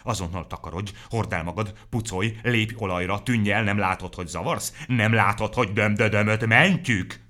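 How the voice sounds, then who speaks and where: A man voicing a bossy, grumpy storybook creature who scolds gruffly. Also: lowish voice, sharp tone. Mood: scolding.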